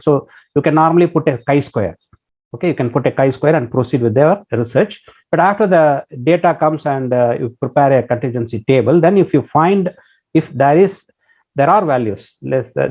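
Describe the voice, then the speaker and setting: An Indian English-accented man delivers a college lecture in a patient, step-by-step way, often pausing on "okay" and "uh". His voice sits fairly high for a man. The recording is dull and lo-fi. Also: a little mellow. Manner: patient explaining, many "okay" and "uh" fillers.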